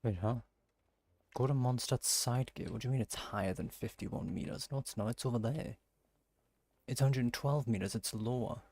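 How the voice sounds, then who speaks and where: While playing through a story quest, a man offers casual commentary, musing to himself in short reactions. He has a medium-pitched, darkish voice at a normal pace, recorded with no echo.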